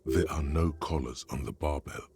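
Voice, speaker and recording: An actor narrating a detective video game in the second person, wry and commanding, like an inner voice. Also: male voice, extremely low pitch, moderate pace, darkish tone, slightly rough, full character voice.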